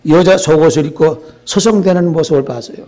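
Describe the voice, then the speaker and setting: An older man preaching a sermon as pastor, telling a story in an animated way and often checking in with the congregation. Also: a little high, a little fast.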